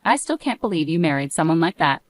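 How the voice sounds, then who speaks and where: A woman's voice: low-pitched, big pitch swings, quick pace, no echo. A woman voicing a mocking middle-aged mother-in-law in a read-aloud story. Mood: scornful. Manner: scornful.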